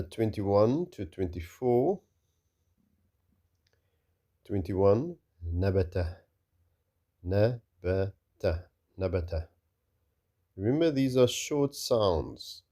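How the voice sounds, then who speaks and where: A low-pitched man with a very dark, mellow tone teaches Arabic reading. He speaks slowly and patiently and repeats each word several times so learners can follow. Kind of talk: recorded reading lesson.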